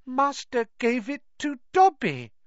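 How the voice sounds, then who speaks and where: A reader voicing a shrill, excitable male house elf who speaks of himself in the third person, in a storybook reading. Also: slow, dry recording, exaggerated voice. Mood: shrill excited. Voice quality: shrill, squeaky. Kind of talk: audiobook character voice. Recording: dry, slightly dull lo-fi.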